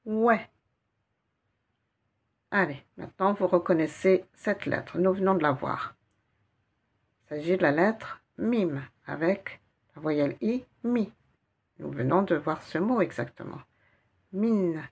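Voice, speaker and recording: A woman teaching a slow guided reading lesson, spelling out letters and syllables one by one and repeating each sound. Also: fairly low pitch, gravelly, husky. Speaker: Arabic teacher.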